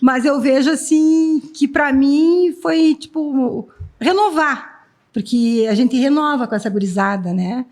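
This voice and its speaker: A woman's voice: high voice, measured pace, a little mellow. A woman in her fifties, a team president chatting casually as a podcast guest, often tagging her sentences with a question. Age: 50s. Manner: chatty, tags lines with "né?".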